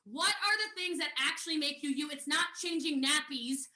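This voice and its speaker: High, bright, energetic American trainer woman. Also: reverberant. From United States. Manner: fast, energetic, chatty and direct. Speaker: network marketing trainer. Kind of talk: live online training. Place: at home.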